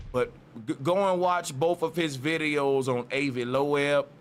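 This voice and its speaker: Male online host, mid-pitched, slangy and streetwise, casual conspiratorial exposé delivery over noticeable noise. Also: a bit bright. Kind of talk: casual opinionated commentary to viewers.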